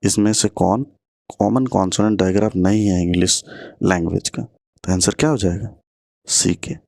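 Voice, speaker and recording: Male teacher, low-pitched, reading exam questions deliberately, dry close recording. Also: fairly even intonation, creaky, darkish tone, no echo. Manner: reads English questions slowly, then explains quickly in Hindi. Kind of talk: online exam-prep lesson.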